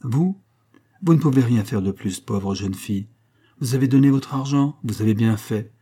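A man reading an audiobook, voicing a proud, plain-spoken working man in a steady, earnest voice. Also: mid-range voice, moderate pace, husky, close to an everyday voice.

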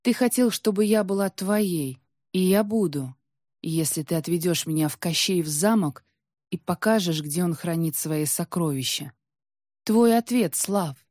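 A woman's voice: fairly low pitch, measured pace, mellow, dry recording, studio quality. A woman voicing a proud, bitter young tsaritsa who speaks coldly and insistently in a storybook reading. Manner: cold, prickly, insistent.

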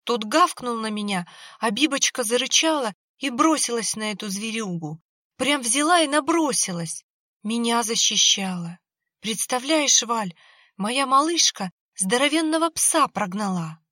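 A woman's voice: fairly high pitch, lively intonation, a little slow, bright, forceful tone, dry recording, studio quality, voice pushed up, exaggerated voice. A woman voicing a plump middle-aged woman who is crying and wailing over her lost dog. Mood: tearful, proud. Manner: tearful, wailing.

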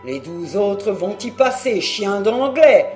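A reader voicing a gruff, swearing old country squire in an audiobook, speaking loud and boastful. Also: medium pitch, very animated, takes it slowly, soft background music. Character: blustering old Breton country squire, the uncle. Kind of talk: audiobook character voice.

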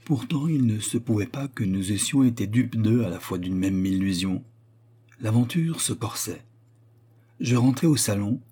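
A man narrating a story aloud in a measured, dramatic way. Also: on the low side, dark tone, breathy edge. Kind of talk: audiobook narration.

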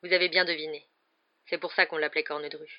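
A reader doing a gentle, weary male teacher. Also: mid-range voice, close to an everyday voice. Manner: calm, quiet, measured. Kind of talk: audiobook character voice. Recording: slightly dull lo-fi recording.

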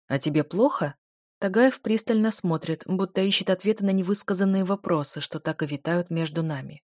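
A woman's voice: fairly low pitch, brisk, darkish tone, dry recording, studio quality. A woman narrating a first-person romance audiobook in an emotive reading style.

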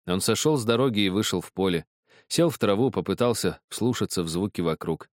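A man reading a novel aloud as narrator, measured and expressive. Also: lowish voice, no echo, studio quality. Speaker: audiobook narrator. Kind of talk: scripted narration.

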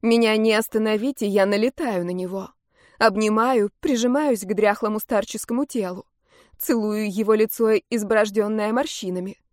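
A woman's voice: medium pitch, fairly even intonation, moderate pace, darkish tone, no room sound, studio quality. A woman narrating a first-person fantasy audiobook in an intimate, emotional manner.

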